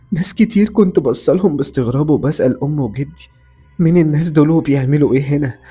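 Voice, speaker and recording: Male narrator, horror story, dramatic tense delivery, mellow dark voice, faint music behind. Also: on the high side, breathy edge. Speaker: voice actor narrator.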